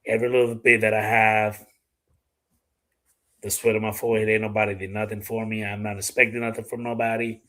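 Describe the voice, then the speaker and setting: A middle-aged Dominican man with a Dominican accent hosts a casual live chat on a livestream, speaking briskly and bluntly and swearing freely. His voice is on the low side, sharp in tone, with a flat delivery.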